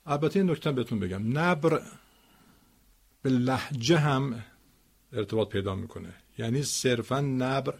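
A man teaching Quran recitation, explaining word stress with spoken examples in a slow, deliberate way. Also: mid-range voice, vocal fry, husky.

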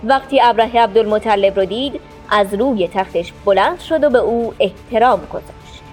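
A woman narrating a storybook with a clear, expressive reading. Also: mid-range voice, soft background music.

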